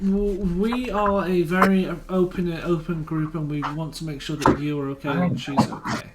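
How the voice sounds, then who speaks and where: A man playing a tabletop game, playful and trailing off quietly. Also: on the high side, fairly even intonation, moderate pace, very noisy. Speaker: player.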